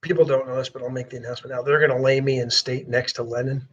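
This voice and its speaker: A man's voice: mid-range voice, fairly even intonation, quick pace, breathy edge. A man co-hosting a talk radio show, reading comments and chatting casually with repeated words. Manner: conversational, repeats words while thinking. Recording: dull lo-fi sound.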